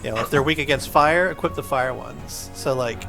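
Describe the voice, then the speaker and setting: With a brisk pace and vocal fry in his mid-range voice, a man hosts a family gaming video. Video game music plays under his casual, conversational commentary as he patiently and playfully explains things.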